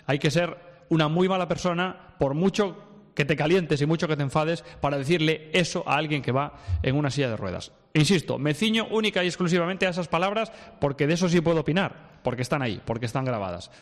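A man's voice: on the high side, expressive, fast, big-room sound. A man hosting a sports news radio show, giving emphatic, outspoken opinions from the studio.

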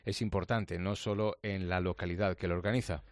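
Brisk male radio reporter, dry sound. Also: sits low, fairly even intonation, dry recording. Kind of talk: news report.

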